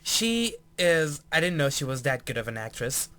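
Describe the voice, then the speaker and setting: A man's voice: on the high side, big pitch swings, normal speed, pushed and bright. A man co-hosting a podcast, chatting casually about a TV episode in a rambling way with many fillers and restarts. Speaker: podcast co-host. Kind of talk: casual TV episode review chat.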